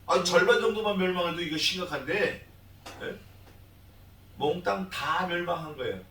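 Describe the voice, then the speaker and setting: Animated high-voiced pastor in an echoey church. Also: male voice, moderate pace, far from the mic, slight background noise. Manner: animated, asks the congregation questions and acts out scripture voices. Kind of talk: expository sermon. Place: church sanctuary.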